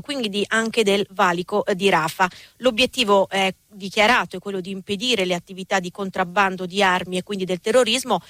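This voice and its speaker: A woman correspondent giving a radio news report in the studio, steady but with frequent hesitation fillers. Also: medium pitch, dry recording.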